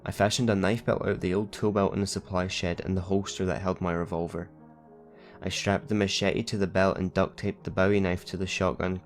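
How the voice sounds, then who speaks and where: A man with a low voice narrates a horror story in the first person, keeping a steady, measured pace while soft music plays underneath.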